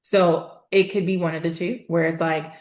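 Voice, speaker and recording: A woman guest on a podcast talking about voice and storytelling, emphatic and animated, with laughing asides. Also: fairly low pitch, normal speed. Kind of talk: casual interview chat. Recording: roomy echo.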